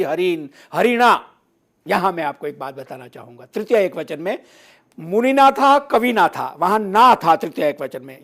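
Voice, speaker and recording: A man giving a recorded lecture, reciting word forms one by one in a slow, deliberate way and stressing the endings. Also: sits high. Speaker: Sanskrit lecturer.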